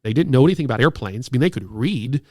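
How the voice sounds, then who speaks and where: A man's voice: mid-range voice, animated, racing, a little mellow, dry recording, studio quality. A man in his thirties, an air show announcer, telling stories enthusiastically in a casual interview. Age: 30s.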